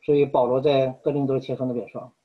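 Male preacher, husky, earnest and measured sermon delivery, dull lo-fi recording. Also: medium pitch, little pitch movement. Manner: earnest, measured, with frequent pauses.

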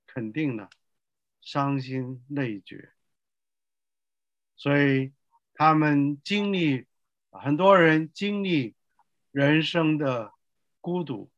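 An older male pastor preaching a sermon slowly and emphatically, asking the listeners rhetorical questions. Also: a little high, expressive, fairly bright tone, no room sound, muffled recording.

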